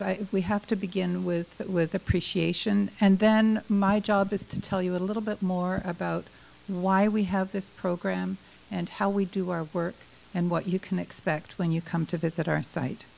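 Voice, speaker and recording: An older woman giving a formal thank-you speech in a measured, deliberate way, speaking into a handheld microphone in an auditorium. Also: fairly low pitch, gravelly, a little mellow, rough recording. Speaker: scientific director, event speaker. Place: auditorium at a podium.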